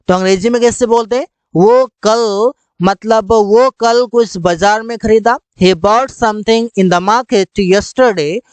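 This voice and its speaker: A man teaching spoken English, explaining in Hindi and reading each English example slowly and deliberately. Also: sits high, clear, resonant tone, no echo.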